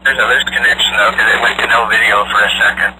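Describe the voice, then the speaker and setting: A man's voice: lowish voice, flat delivery, fast, heavy background noise. A man heard through a phone speaker, giving short, hesitant camera directions in casual chat. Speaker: remote helper adjusting a camera. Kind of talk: casual instructions over the phone.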